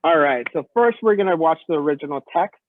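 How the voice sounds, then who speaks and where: With a slightly high, expressive voice and a quick pace, a male instructor politely takes feedback from students in an online class and thanks them. The audio has no echo but sounds muffled and phone-like from a computer mic, as if through a wall or underwater.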